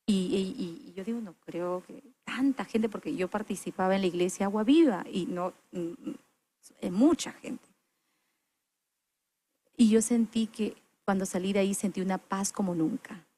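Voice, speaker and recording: A woman's voice: mid-range voice, moderate pace, mellow. Lady on a podcast, earnest storytelling, chatty guest. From Peru. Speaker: interview guest. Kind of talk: personal testimony in a chat.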